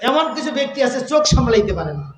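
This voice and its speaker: Fervent high-voiced man preaching in an echoing hall. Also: very animated. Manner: fervent, chants Quranic verses in a drawn-out singing tone; asks the crowd rhetorical questions. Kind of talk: sermon. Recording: echoey hall with long reverb.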